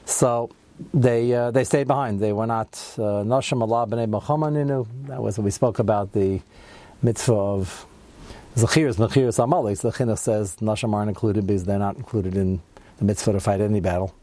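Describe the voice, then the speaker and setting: A man's voice: on the low side, steady tone, brisk, dark tone, no echo. A man teaching a Torah study class, talking conversationally and acting out people's excuses in a raised voice.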